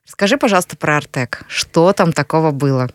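A woman's voice: deep voice, animated, brisk, no room sound. Encouraging woman interviewer, dry sound. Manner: encouraging, supportive questioning. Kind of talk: interview questions.

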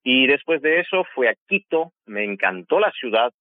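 A man's voice: mid-range voice, very animated, moderate pace, dry recording. A man from Armenia, a native Armenian speaker, chatting cheerfully about his life as a musician during a remote interview, laughing often. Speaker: guest musician. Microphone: phone or video call. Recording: tinny dry call line.

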